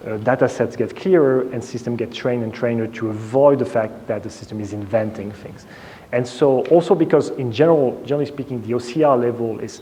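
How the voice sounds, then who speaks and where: A keynote speaker with a mellow, mid-range voice fields audience questions after his talk in a large conference hall, hesitating and restarting often and using plenty of fillers. Faint noise and hall reverberation come through in the recording.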